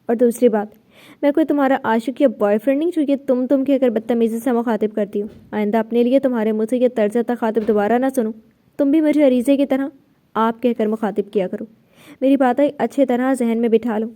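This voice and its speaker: A woman's voice: fairly high pitch, steady tone, warm tone, close to an everyday voice. A woman reading as a furious domineering husband. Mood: angry. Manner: threatening, biting off words. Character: angry young husband, harsh and domineering.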